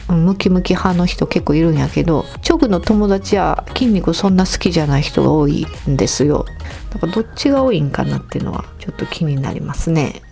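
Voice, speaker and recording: A woman's voice: low-pitched, vocal fry, dark tone. A woman with a Kansai accent hosting a casual solo podcast, chatty and joking as she reads and answers listener mail. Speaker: podcast host.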